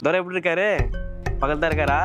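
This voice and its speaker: A man's voice: on the high side, fairly even intonation, racing, lightly acted. Actor as a caring, brotherly young man. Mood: concerned. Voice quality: gentle, coaxing. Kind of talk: drama dialogue. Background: music.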